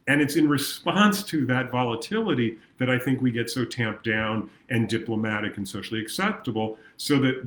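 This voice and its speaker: Earnest man coaching in an echoey room. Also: medium pitch. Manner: earnest, acts out clients' voices. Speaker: progress coach. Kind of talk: motivational talk to camera.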